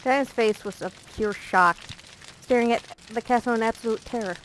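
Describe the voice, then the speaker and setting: A woman's voice: on the high side, normal speed, slight background noise, rough recording. A woman reading a visual novel aloud as a let's play narrator, playful and breaking off for jokey asides.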